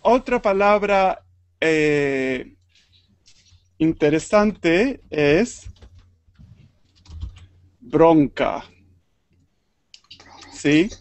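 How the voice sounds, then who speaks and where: A man's voice: fairly high pitch, lively intonation, very slow, long pauses, clear, resonant tone, no echo. A man from Argentina with an Argentine Spanish accent, teaching an online group lesson and patiently repeating words for learners.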